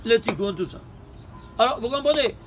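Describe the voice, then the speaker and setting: A man teaching a Torah lesson with gematria, animated and questioning, repeating phrases. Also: extremely high pitch, fairly quick, background noise. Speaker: rabbi teaching Kabbalah.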